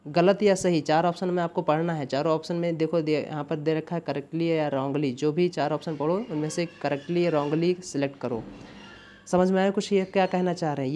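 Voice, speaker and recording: Mellow-voiced man teaching exam vocabulary. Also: a little high. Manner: explains in Hindi, dropping English terms, often asks "है ना". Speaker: English teacher. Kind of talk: exam-prep vocabulary lesson.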